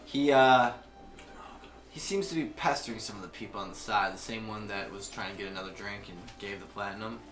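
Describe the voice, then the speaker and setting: A man's voice: lowish voice, fairly quick, a bit bright, faint music behind. A man narrating a tabletop game as game master, casual and profane, with vivid gory descriptions. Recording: roomy echo.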